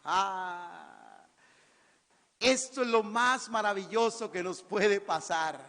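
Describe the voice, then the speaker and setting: High-voiced Costa Rican preacher. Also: male voice, measured pace, pushed and bright. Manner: theatrical, asks the congregation questions. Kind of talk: lively sermon. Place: church. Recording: church hall reverb.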